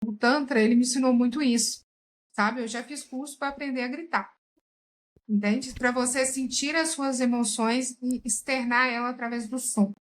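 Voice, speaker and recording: A woman's voice: on the high side, steady tone, normal speed, poor audio. A woman commenting emphatically on a recorded chat, often calling out to her listeners. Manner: emphatic, addresses listeners as "gente". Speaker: therapeutic tarot reader, guest. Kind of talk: casual commentary while watching a recorded chat.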